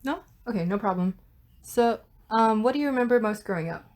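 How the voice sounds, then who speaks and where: A woman's voice: fairly high pitch, expressive, a little fast, darkish tone. A young woman conducting an oral history interview, asking questions tentatively with many fillers.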